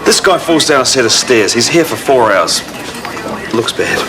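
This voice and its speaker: TV soap defensive male department head, harried, lively intonation, noisy ambience. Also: mid-range voice, moderate pace. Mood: frustrated, defensive. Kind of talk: naturalistic TV soap acting. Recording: noisy hospital-set ambience.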